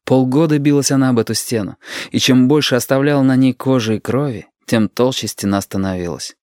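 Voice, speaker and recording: A man narrating an audiobook with expressive storytelling. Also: mid-range voice, fairly quick, clean tone, dry recording, studio quality. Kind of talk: scripted narration.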